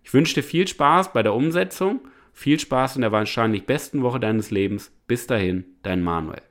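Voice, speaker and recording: A man's voice: mid-range voice, animated, normal speed. A man hosting a motivational podcast, speaking emphatically and often checking in with "ja?". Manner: emphatic, repeats "ja?" to the listener. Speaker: podcast host and motivational coach.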